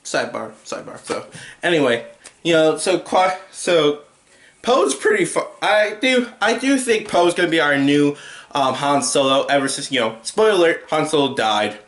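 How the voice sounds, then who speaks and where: A man's voice: on the high side, sing-song, normal speed, a bit bright, roomy sound. A young man giving a casual, rambling movie review at home, full of restarts and filler words. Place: home room with a TV.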